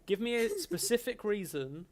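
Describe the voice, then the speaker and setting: A man's voice: high voice, big pitch swings, normal speed, background noise. A man hosting a livestream, chatting casually and rambling through answers to chat questions with a joking manner. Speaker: livestream host.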